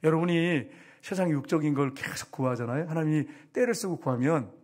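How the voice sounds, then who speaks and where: A man preaching a sermon as pastor, lively and chatty, teasing the congregation with questions. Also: fairly high pitch, fairly quick.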